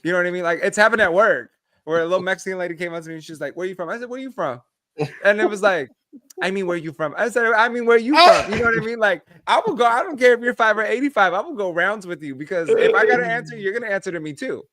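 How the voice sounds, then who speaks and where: A man co-hosting a podcast, telling animated stories in casual chat and swearing freely. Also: sits high, fast talker, dry recording. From United States. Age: adult, past his early twenties. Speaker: podcast co-host.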